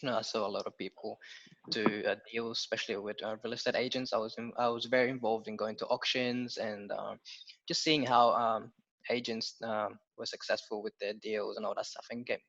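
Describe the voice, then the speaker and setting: A man in his twenties from Ethiopia, a property research analyst, chats casually as an interview guest about his work. He's relaxed and fills his speech with "you know" and "um," talking a little fast in a fairly low voice. The audio is dull and lo-fi.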